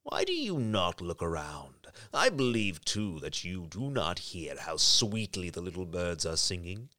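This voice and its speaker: A man doing a low, sly wolf. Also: huge pitch swings, bright, forceful tone, exaggerated voice. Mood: scheming. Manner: slow, low and sinister, sometimes whispered. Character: wicked sly male wolf.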